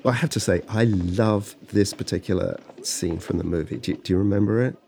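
A man co-hosting a scripted podcast conversation in a relaxed, reflective way. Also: deep voice, fairly quick, a little hiss or hum. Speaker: podcast co-host. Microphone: studio microphone.

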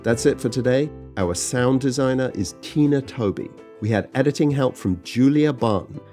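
A man co-hosting a scripted podcast conversation in a relaxed, reflective way. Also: medium pitch, moderate pace, faint music behind. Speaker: podcast co-host. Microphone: studio microphone.

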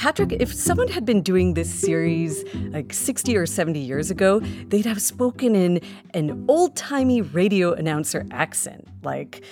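A woman's voice: on the low side, very animated, moderate pace, hardly any pauses, over music. A woman co-hosting a scripted podcast conversation, talking in a thoughtful, emphatic way. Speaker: podcast co-host. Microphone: studio microphone.

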